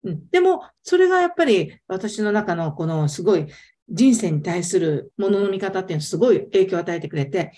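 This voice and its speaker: Chatting casually as an interview guest, this woman speaks fast and with real eagerness. Her mellow, warm tone rises and falls dramatically whenever she drives a point home, making her an animated, emphatic storyteller.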